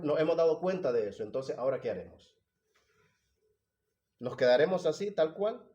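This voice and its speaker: A man preaching a sermon, swinging from hushed, emotional passages to loud, rising appeals. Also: mid-range voice, dull audio.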